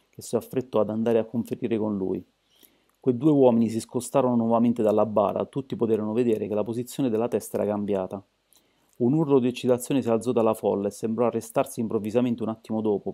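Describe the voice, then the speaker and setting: Male narrator for an amateur audiobook, measured reading, dark gravelly tone. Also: fairly low pitch.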